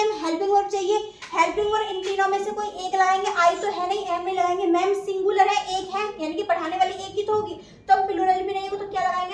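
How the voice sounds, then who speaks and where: High-voiced woman teaching in an echoey room. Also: distant mic. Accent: Indian. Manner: asks questions and answers them herself. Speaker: English grammar teacher. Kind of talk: classroom grammar lesson. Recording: echoey room, voice from afar, faint noise.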